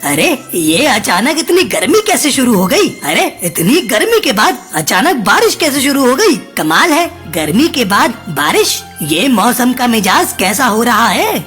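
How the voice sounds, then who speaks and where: A woman voicing a hot-tempered male crow in a cartoon, gruff and blustering. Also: fairly high pitch, very animated, measured pace, hardly any pauses, a bit bright. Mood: puzzled. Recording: cartoon with background music.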